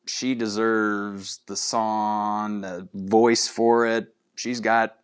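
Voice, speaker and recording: Slow-paced, smooth-voiced man chatting to listeners. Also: lowish voice, little pitch movement. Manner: chatty, addresses listeners with rhetorical questions. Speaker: podcast host. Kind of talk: casual monologue to listeners, fan trivia.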